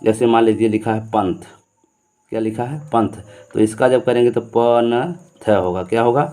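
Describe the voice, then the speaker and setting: Mellow-voiced male teacher explaining patiently. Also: mid-range voice, fairly even intonation, moderate pace. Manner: repeats points, asks and answers his own questions. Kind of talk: explaining Hindi grammar to students.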